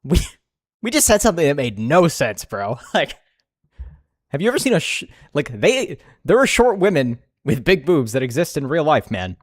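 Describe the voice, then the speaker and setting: A young man streams his reactions in a lively, sing-song voice that leaps up and down as he talks. He sits a bit higher than most men in pitch and keeps breaking into laughs of disbelief. The sound is dry and close, with no room around it. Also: moderate pace, dry recording. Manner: animated, incredulous, laughs often. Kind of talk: live reaction commentary.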